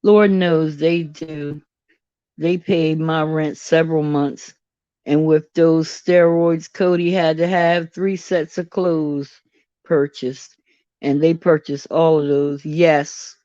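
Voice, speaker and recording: A woman vlogging in a candid, chatty and expressive way. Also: deep voice, slow, no room sound, dull audio. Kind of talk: casual personal vlog.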